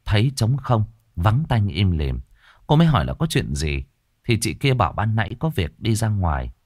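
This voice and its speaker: A man narrating a ghost story in a measured, dramatic manner. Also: fairly low pitch, dry recording, studio quality.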